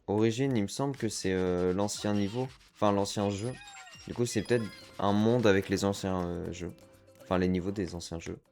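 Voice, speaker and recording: A man talks through his game in a loose, chatty streamer commentary, his voice sitting a little low. He reacts aloud to each moment and slips in English slang. Game music plays faintly behind him along with keyboard clicks. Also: moderate pace, a little mellow. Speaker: gaming streamer. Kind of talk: casual let's-play commentary.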